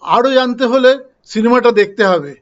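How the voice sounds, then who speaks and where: A man's voice: extremely high pitch, moderate pace, a bit bright, muffled recording. An older man from India chatting casually in a film review vlog, telling personal anecdotes as he goes.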